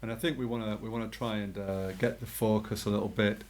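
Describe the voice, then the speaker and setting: A man co-hosting a podcast in a relaxed way, joking and often trailing off quietly. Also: fairly low pitch, fast. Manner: easygoing, laughs often, trails off softly. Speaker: podcast co-host. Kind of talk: casual podcast chat.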